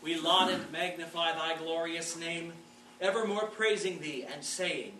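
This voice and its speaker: A man leading a communion liturgy in a solemn, measured way, his voice ringing through a big echoing church. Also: on the high side. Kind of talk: formal liturgical intoning. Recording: echoey church from far off, with background noise.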